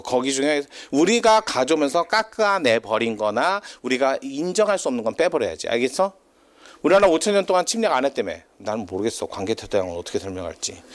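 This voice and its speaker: Lively, chatty male lecturer. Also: medium pitch. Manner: chatty, tangent-prone, laughs often, teasing. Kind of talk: casual classroom lecture.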